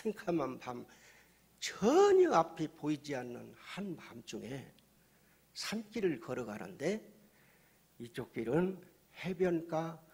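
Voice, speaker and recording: A male pastor delivers a sermon in a slightly raised voice. He tells a story in a low, hushed tone, voices its characters himself, and breaks into loud, ringing exclamations. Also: huge pitch swings, slow pace, long pauses, slightly rough. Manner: swings from hushed storytelling to loud shouted preaching; acts out dialogue in a storytelling voice.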